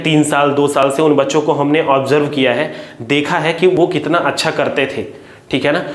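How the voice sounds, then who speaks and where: Earnest teacher, echoey room. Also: male voice, a little high. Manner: earnest, repeats "theek hai" often. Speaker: coaching teacher. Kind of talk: direct-to-camera talk to parents and students.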